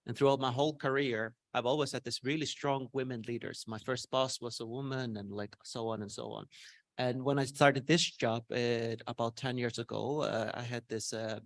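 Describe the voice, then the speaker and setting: A man from Iceland speaking on a panel, relaxed and telling anecdotes with a few fillers. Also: medium pitch, normal speed, dry recording. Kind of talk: panel discussion answer.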